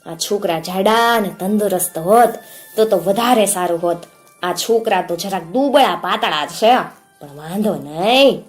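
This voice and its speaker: A woman voicing a cruel, greedy, half-blind old witch woman who barks orders and scolds in a shrill voice. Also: measured pace, faint music behind, natural voice. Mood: muttering.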